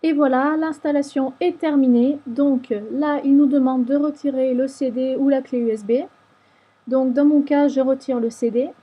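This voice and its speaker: Woman voice-over for a screen tutorial, high and husky, patient walkthrough, dull lo-fi mic. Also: fairly even intonation, normal speed, dark tone. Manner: patient step-by-step explaining. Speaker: tutorial maker. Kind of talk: screen-recorded software tutorial.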